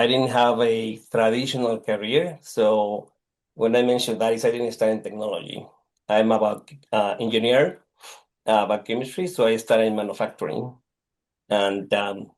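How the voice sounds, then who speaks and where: A middle-aged Mexican technology executive, speaking with a Mexican Spanish accent, answers questions as a podcast guest. His voice sits on the low side with a darkish tone, and he halts and searches for words, pausing and restarting often.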